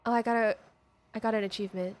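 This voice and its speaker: A woman's voice: medium pitch, fairly even intonation, quick pace. A woman giving casual commentary on a video game and reading its text aloud as a streamer. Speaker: gaming streamer.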